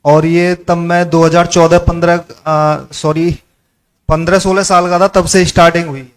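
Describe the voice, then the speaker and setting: 30s guy, kinda high voice, keeps agreeing politely with his astrologer. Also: little pitch movement, normal speed, smooth. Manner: deferential, short replies. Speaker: client. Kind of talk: consultation answers.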